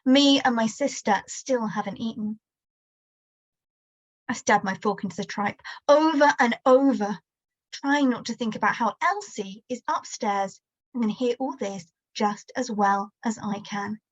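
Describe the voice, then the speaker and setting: A woman author reads her own prose in a quiet, measured first-person voice. She takes her time with each phrase, and her voice sits somewhat high. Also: highs cut off.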